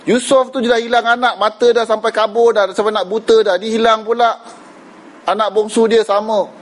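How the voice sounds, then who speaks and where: A Malaysian man whose voice sits high talks fairly quickly in a level tone, giving an informal religious lecture as a teacher. He chats conversationally, weaving in English words and often asking "kan?". The audio quality is poor.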